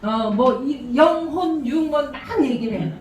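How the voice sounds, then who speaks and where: A woman giving a business seminar talk, telling stories in an animated way with laughing asides. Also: high voice, a little slow, noisy background. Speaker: seminar speaker. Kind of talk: business presentation. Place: seminar room. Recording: echoey room, distant mic.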